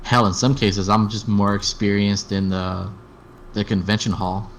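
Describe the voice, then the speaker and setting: A man from Texas with a general American accent tells rambling stories in a casual chat, often restarting his sentences. His voice sits fairly low, with a faint hiss underneath. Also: little pitch movement, measured pace. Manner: rambling, storytelling with many restarts. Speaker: streamer host.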